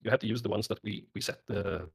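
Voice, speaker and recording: A man's voice: fairly low pitch, fast talker, gravelly, breathy edge. A man answering questions on a developer stream in hesitant casual speech, his voice breaking into a robotic metallic glitch from a faulty call mic. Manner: hesitant, many fillers and restarts. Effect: robotic, glitchy metallic mic distortion. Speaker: game developer on a livestream.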